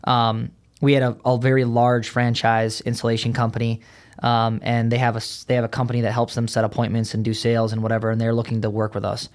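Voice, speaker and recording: A man who founded an ad agency, a podcast guest telling blunt, fast stories full of "right?". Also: mid-range voice, completely flat delivery. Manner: blunt, fast storytelling with many "right?" tags. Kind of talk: casual podcast conversation. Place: podcast studio.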